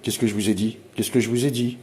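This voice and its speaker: Agitated French-speaking man, husky voice. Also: mid-range voice, steady tone, fast, a little mellow. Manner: insistent, repeats "hein" constantly, urging viewers. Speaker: video channel host. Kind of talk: agitated conspiracy vlog.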